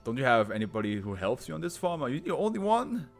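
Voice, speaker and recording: A man giving casual, joking, foul-mouthed reaction commentary on an animated show as host. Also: mid-range voice, fast, faint music behind. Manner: joking, foul-mouthed, riffing in mock voices.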